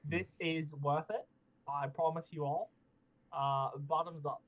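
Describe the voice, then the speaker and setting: A man playing a tabletop game, upbeat and talking in quick bursts. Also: fairly high pitch, fairly even intonation. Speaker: player. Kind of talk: casual chat at a tabletop game. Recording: muffled lo-fi mic.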